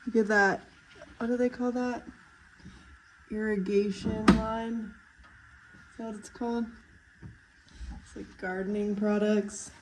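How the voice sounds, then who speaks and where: A woman's voice: mid-range voice, little pitch movement, slow pace, pauses often, noisy background. A woman chatting casually in a garage, teasing and dry. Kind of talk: casual chat.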